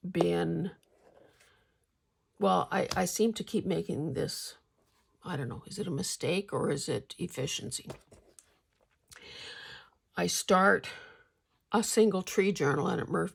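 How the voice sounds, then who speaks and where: An older woman hosting a casual craft vlog, speaking haltingly with a husky, gravelly voice, slightly mouth-full as if sucking a candy. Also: fairly low pitch, slight background noise. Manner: halting, hesitant delivery with pauses. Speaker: craft channel host.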